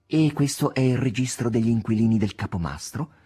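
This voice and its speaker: A man voicing a timid, hesitant male writer with a husky voice. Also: medium pitch, brisk, warm tone, close to an everyday voice.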